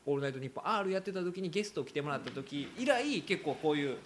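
A man with a Kansai accent, hosting a podcast in casual talk, animated and quick to laugh while he quotes others. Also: fairly high pitch, slight background noise. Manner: animated storytelling, laughing often, quoting others. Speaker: podcast host.

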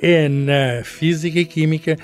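A man's voice: on the high side, steady tone, a little slow, soft background music. An older man with a European Portuguese accent, a science professor explaining things in casual chat, hesitant with many restarts and fillers.

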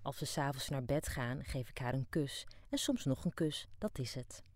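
A woman's voice: very deep voice, normal speed, a little mellow, dry recording. A woman voicing an elderly husband in a read-aloud story, speaking in a plain, shrugging, matter-of-fact way.

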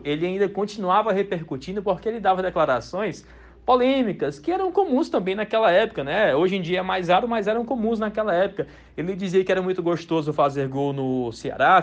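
Enthusiastic man, lo-fi audio. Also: fairly high pitch. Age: 30s. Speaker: sports editor. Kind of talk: sports commentary insert.

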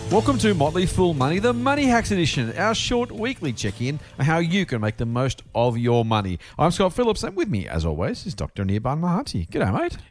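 A man's voice: on the high side, big pitch swings, a little fast, few pauses, soft background music. An Australian man hosting a podcast in an informal, chatty, blokey and jokey style. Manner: jokey, blokey, addresses co-host as mate. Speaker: podcast host. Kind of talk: chatty, informal personal finance podcast talk.

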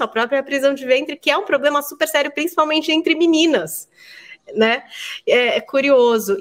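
A woman hosting a conversation, her voice sitting a little high. She speaks in a friendly way as she moves the talk on to the next topic. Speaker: host.

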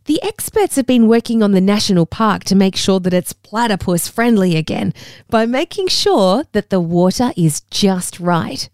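A woman hosting a children's news podcast, reading a scripted story in a clear, friendly way meant for kids. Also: mid-range voice, expressive, normal speed, a little mellow, no room sound, studio quality.

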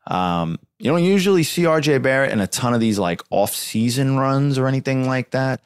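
A man's voice: mid-range voice, lively intonation, moderate pace, smooth, dry recording, studio quality. A man hosting a casual sports talk show, rambling loosely with lots of fillers and restarts.

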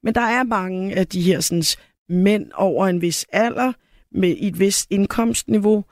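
A woman's voice: medium pitch, a little mellow, no room sound, clean studio sound. A woman hosting a casual radio call-in chat, talking candidly and poking fun at herself. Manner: chatty, candid, self-deprecating.

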